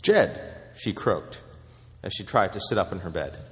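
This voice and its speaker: A man's voice: deep voice, fairly bright tone. Man preaching in a reverberant hall. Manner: measured storytelling delivery with pauses. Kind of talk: sermon.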